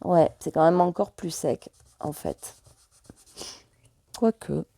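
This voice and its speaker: A woman's voice: low voice, slow pace, vocal fry, warm tone, dry recording, studio quality. A French woman vlogger chatting casually and hesitantly, full of fillers, while showing her purchases. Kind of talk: casual chat.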